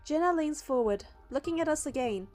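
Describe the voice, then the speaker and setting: With light music behind her, a woman with a high voice reads a scripted game story in the first person. Her delivery is brisk and a little mellow, with lively intonation.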